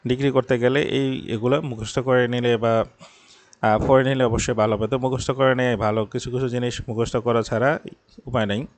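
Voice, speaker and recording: A man's voice: mid-range voice, level tone, no echo. Patient tutor, man. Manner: patient, explains step by step, reads examples slowly. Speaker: English grammar tutor. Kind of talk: explanatory lesson in Bengali.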